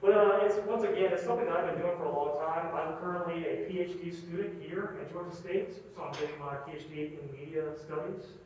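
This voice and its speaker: A man's voice: fairly high pitch, fast talker, few pauses, darkish tone. Echoey, distant male lecturer in a face mask. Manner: repeats phrases for emphasis, checks in with listeners. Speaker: university lecturer. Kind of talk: informal classroom lecture. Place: classroom. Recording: echoey classroom, distant mic, dull, faint noise.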